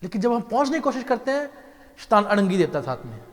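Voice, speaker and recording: A male pastor giving a lively sermon, often asking his congregation questions and slipping in English phrases. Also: high voice, fast talker, big-room sound. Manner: animated preaching, asks the congregation questions, mixes in English. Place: church hall.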